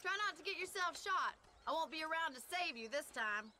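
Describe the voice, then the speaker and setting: A young rancher woman in a western game. She is wry and plainspoken, talking fast in a bright voice with faint noise outdoors. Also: high voice, lively intonation, heavily acted. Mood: wry, friendly. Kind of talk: video game western character acting.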